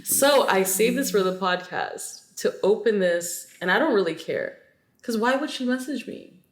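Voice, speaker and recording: A woman co-hosts a casual podcast, telling her story in a chatty, animated way full of filler words. Her voice sits at an ordinary pitch. The room around her rings with a noticeable echo. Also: moderate pace. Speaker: podcast co-host. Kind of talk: casual chat. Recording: roomy echo.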